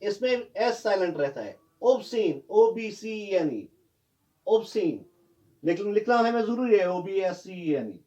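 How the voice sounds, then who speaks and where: A man's voice: high-pitched, lively intonation, normal speed, hardly any pauses, darkish tone. A man teaching pronunciation in Hindi, spelling words out letter by letter and correcting common mistakes. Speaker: English teacher. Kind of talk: classroom lesson on pronunciation.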